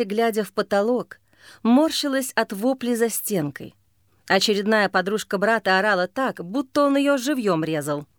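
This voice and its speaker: A woman's voice: mid-range voice, no room sound, studio quality. A woman narrating a first-person audiobook in an intense, bitter, emotionally charged way.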